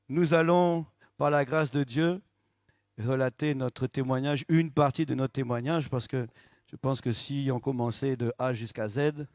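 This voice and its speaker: A man's voice: medium pitch, dry recording. Dry, close-miked male pastor preaching. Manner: lively, often asks the congregation "n'est-ce pas?" and jokes. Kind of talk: church testimony and sermon. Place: church service. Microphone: handheld microphone.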